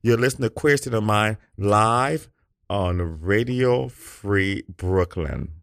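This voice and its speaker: A man's voice: fairly low pitch, slow, creaky, a bit bright, no room sound. A man hosting a casual radio talk show in a studio, sassy and playful and full of drawled endearments.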